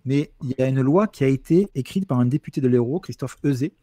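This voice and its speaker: A French man telling an anecdote as a guest linguist, animated and acting out the quotes he tells. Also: medium pitch, no echo, clean studio sound. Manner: fast, animated storytelling, acts out quotes. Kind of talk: lively explanatory talk with quoted imitations.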